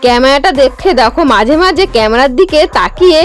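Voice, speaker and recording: Brief: woman, high tender mother's voice-over, music bed behind. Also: expressive, fast talker. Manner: tender, doting, speaks to the viewers. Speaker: mother and vlogger. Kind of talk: fond voice-over narration. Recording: background music under voice.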